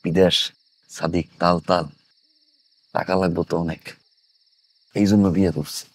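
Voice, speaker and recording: An actor playing a young husband who married for money, talking bluntly and offhandedly in a TV drama. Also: male voice, sits low, steady tone, moderate pace, vocal fry, slightly rough, no room sound, heavily acted. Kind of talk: TV drama acting.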